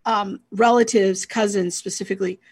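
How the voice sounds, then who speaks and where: Husky-voiced woman host asking questions. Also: medium pitch, fairly even intonation, normal speed, a little mellow. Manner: prompting, questioning. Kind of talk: casual discussion.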